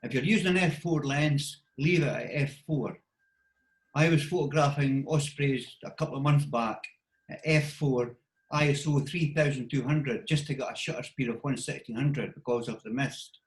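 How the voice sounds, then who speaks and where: A man's voice: medium pitch, normal speed, reverberant, low-quality recording. A man with a Scottish accent, a wildlife photographer giving practical step-by-step advice in an interview over a video call. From Scotland. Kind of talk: casual explanatory interview talk.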